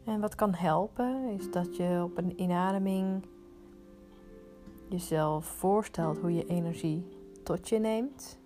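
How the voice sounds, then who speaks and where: A woman leading a guided meditation, giving soothing, unhurried instructions with pauses. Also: on the low side, over music.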